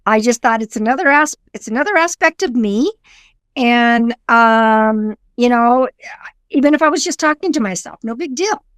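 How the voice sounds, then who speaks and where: Earnest woman medium, higher voice. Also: lively intonation, moderate pace, fairly bright tone, no room sound. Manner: earnest, reflective, with frequent fillers and restarts. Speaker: guest psychic medium. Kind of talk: conversational interview.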